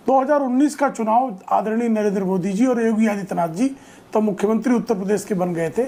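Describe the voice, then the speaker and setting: A woman's voice: mid-range voice, fairly quick, dark tone. A woman speaking as a party spokesperson on a TV debate, formal and listing points with repeated phrases. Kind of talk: political debate argument.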